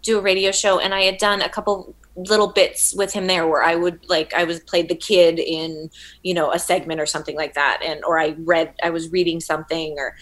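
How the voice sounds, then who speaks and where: Woman, fairly low voice, chatty interview guest, stops and restarts a lot. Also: little pitch movement, a little fast, a bit bright, rough recording. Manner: chatty storyteller, many restarts. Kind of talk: casual interview chat.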